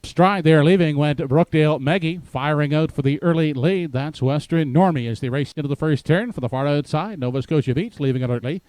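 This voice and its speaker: A man's voice: on the high side, brisk, hardly any pauses, a little mellow, no room sound. A man calling a harness race as live commentary, in an announcer's delivery that builds in intensity toward the finish.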